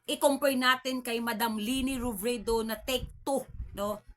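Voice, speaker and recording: Woman from the Philippines, vlog host, high-pitched voice, casual political commentary, lots of tag questions. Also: steady tone, a little slow. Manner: chatty, frequent tag questions, mocking laughs.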